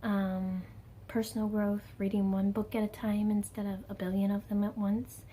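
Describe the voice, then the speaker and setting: A woman's voice: mid-range voice, level tone, normal speed, dark tone, a little hiss or hum. A woman in her late twenties talking candidly in a casual personal vlog, chatty and self-mocking with plenty of fillers. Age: late 20s. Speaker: vlogger.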